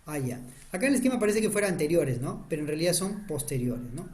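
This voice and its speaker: A man's voice: fairly high pitch, expressive, fast talker, darkish tone. A man teaching an anatomy lecture, quizzing the students and answering his own questions, urging them to pay attention. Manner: urgent, repeatedly asks students to pay attention. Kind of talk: online lecture drawing on a diagram.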